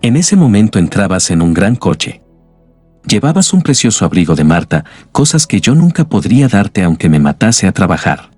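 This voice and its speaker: A man voicing a weary, scarred man in an audiobook, speaking quietly and ruefully. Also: on the low side, big pitch swings, normal speed, breathy edge, no room sound, faint music behind.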